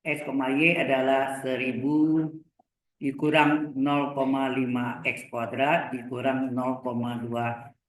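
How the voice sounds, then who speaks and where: A middle-aged man lecturing on engineering mathematics, talking slowly, repeating terms and checking that the class follows. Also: mid-range voice, flat delivery. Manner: slow, repeats terms, asks checking questions. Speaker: university lecturer. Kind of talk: live lecture on vector calculus. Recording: echoey room.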